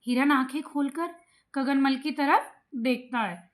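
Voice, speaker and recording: A woman's voice: high voice, a little slow. A woman teacher explaining a story to children, asking them questions as she goes. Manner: lively, asks the class questions. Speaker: Hindi teacher.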